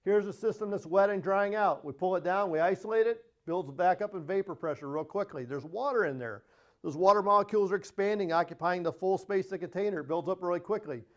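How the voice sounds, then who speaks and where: A man's voice: high voice, fast talker, muffled recording. A man giving a technical HVAC training presentation in a plain-spoken way, repeating his key points.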